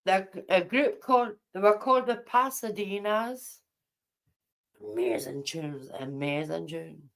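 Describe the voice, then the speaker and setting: Woman, middle-aged, unhurried, chatty livestream talk, rambling. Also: medium pitch, gravelly. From Newcastle, England. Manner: rambling, chatty, answers viewers' comments aloud. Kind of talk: casual chat.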